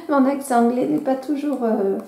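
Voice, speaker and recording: A high-pitched woman with a soft, mellow tone talks casually to her camera, hesitating and correcting herself as she goes. Her voice rings around an echoey room. Faint music plays underneath. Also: unhurried, a little hiss or hum. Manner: chatty, hesitant, frequent fillers and self-corrections. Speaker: coloring vlogger. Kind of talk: casual show-and-tell vlog. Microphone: camera microphone she moves around.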